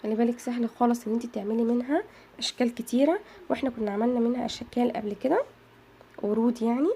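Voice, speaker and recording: Fast and chatty, a woman with an Egyptian Arabic accent runs her craft tutorial, speaking to viewers directly and calling them girls. Her voice sits on the high side but is mellow and husky.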